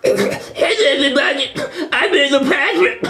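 A squeaky little ventriloquist dummy in puppet comedy, pitched extremely high. The boy is cheeky and whiny, with sassy back talk and swooping, bright delivery. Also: expressive, measured pace, roomy sound, exaggerated voice. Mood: cheerful.

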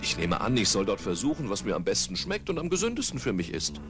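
A man's voice: fairly low pitch, huge pitch swings, fast talker, over music. A man voicing a scruffy, cocky male street tomcat in a storybook audiobook, laid-back and teasing.

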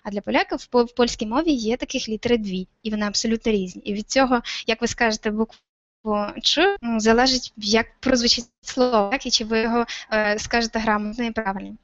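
A woman's voice: on the high side, steady tone, fast, few pauses, no room sound. A woman from Ukraine explaining things in casual talk, hesitant, with many fillers and restarts. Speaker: interview guest. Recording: dull, lo-fi, dry sound.

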